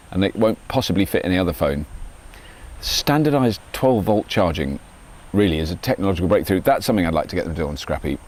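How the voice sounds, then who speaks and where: A man's voice: low voice, rough recording. A middle-aged man, rambling in a casual, self-mocking vlog monologue from his garden. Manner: chatty, self-mocking, animated. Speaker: vlogger. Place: garden, outdoors.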